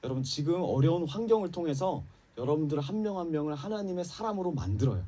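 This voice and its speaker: A male pastor delivers a heartfelt sermon in a church, his voice swinging widely between soft, low asides and loud, rising appeals. The sound is slightly husky and captured from a distance across the sanctuary. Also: expressive, fast. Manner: impassioned preaching, rising and dropping emphatically, addresses congregation.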